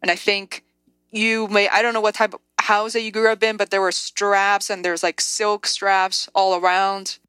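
A woman's voice: mid-range voice, flat delivery, moderate pace, fairly bright tone, clean tone. A woman interviewing a guest casually, eager and reacting often with "wow". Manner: eager, reacts with frequent wows.

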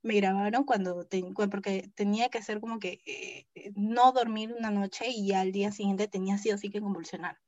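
A young adult woman telling a personal story as an interview guest, acting out the quoted dialogue in a lively way. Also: medium pitch, a little fast, hardly any pauses, dry recording, dull audio.

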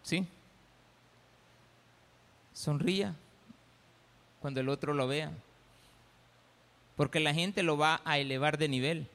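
Bright-voiced Salvadoran pastor preaching. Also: male voice, a little high, slow pace, long pauses. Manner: folksy, teasing, acts out little scenes. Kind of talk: sermon. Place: church. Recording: church hall reverb.

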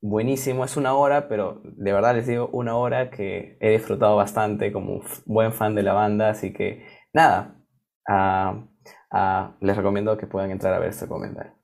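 This co-host from Peru has a low, darkish voice with vocal fry, speaking at a moderate pace in a level tone. On the casual talk show he's chatty and excited, restarting often and using many fillers.

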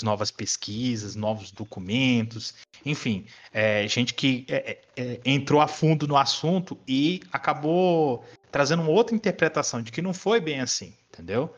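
A podcast guest who teaches history, a Brazilian man aged twenty-nine, talks in a relaxed, conversational way, full of slang and a bit of swearing. His voice is medium-pitched and a little bright.

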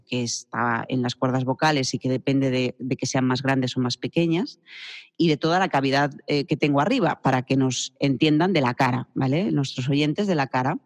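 A man explaining how to use the voice, as a speaking coach in a radio interview, demonstrating pace and pitch changes as he talks. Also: moderate pace, dry recording, big-room sound.

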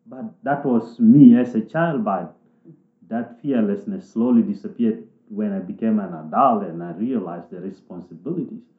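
A man from South Sudan, speaking in a thoughtful, halting way with restarts as he interviews people in a reflective conversation. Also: fairly low pitch. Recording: echoey room, tinny phone-like sound.

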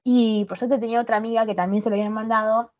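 A young woman with a Rioplatense Spanish accent, co-hosting a podcast in casual, animated chat full of slang and restarts. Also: a little high, fast, muffled recording. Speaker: podcast co-host.

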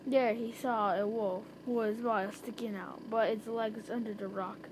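A woman's voice: fairly high pitch, fairly even intonation, moderate pace, a little mellow, slight background noise, low-quality recording. A woman casually reading her own homemade story aloud, chatty, with asides and restarts.

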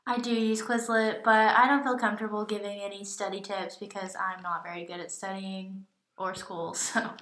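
A woman's voice: medium pitch, flat delivery, normal speed, fairly bright tone. A young woman joins a podcast chat, speaking modestly and poking fun at herself. Her voice comes with a noticeable room echo. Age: young adult. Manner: modest, self-deprecating. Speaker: podcast guest. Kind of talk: casual chat. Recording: roomy echo.

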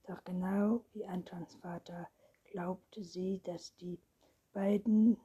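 A woman narrating a children's storybook in a hushed, even whispered reading. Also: on the low side, takes it slowly, husky, dull audio.

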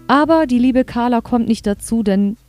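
A woman's voice: on the high side, normal speed, a little mellow, soft background music. A woman hosting a podcast, chatting enthusiastically as she reviews an audio drama episode. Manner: chatty, enthusiastic, reads quotes aloud. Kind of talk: casual chat.

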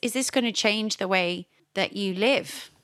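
A woman with an Irish accent hosting a podcast, asking gentle, probing questions. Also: mid-range voice, a little slow. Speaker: podcast host, violinist. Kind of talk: interviewing.

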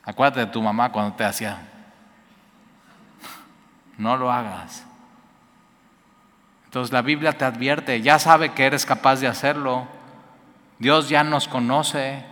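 A man's voice: medium pitch, fairly even intonation, moderate pace, pushed and bright, in a large hall. A man preaching a sermon in a conversational way, asking his listeners questions. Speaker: pastor.

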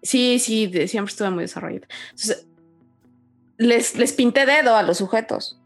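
A woman's voice: fairly high pitch, normal speed, faint music behind. A Mexican woman co-hosting a podcast, recalling her experiences in a casual, reflective and somewhat hesitant way. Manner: reflective, hesitant, with fillers and trailing asides. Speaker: podcast co-host. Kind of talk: casual chat, storytelling.

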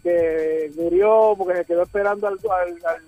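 High-voiced joking caller. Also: male voice, steady tone, normal speed, dry recording, narrow, tinny audio, soft background music. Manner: joking, rambling. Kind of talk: casual call-in chat.

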